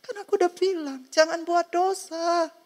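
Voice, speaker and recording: Woman preacher doing God as a strict scolding father, pitched well above her usual voice, insistent and rising. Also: steady tone, moderate pace. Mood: reproachful.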